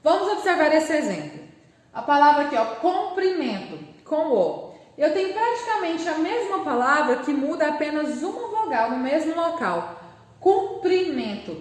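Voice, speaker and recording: Woman, Brazilian Portuguese accent, primary school teacher, high voice, patient, echoey room. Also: sing-song. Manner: patient, slow, spells words out syllable by syllable. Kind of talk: remote class lesson.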